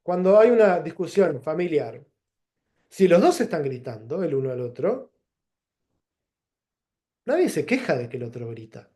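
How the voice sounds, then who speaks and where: A man with a Rioplatense Spanish accent giving a reflective lecture, pausing and restarting as he works through plain examples. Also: a little high, big pitch swings, warm tone. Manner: thoughtful, pauses and restarts, gives plain examples. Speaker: teacher.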